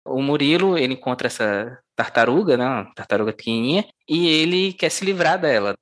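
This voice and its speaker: Interviewer, chatty and giggly, mid-pitched voice, asks long meandering questions. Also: animated, brisk. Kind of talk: conversational book interview.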